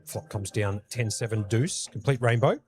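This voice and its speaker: A man with an Australian accent giving brisk play-by-play commentary on a live poker tournament from a commentary booth. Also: medium pitch, darkish tone. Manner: brisk play-by-play, matey banter.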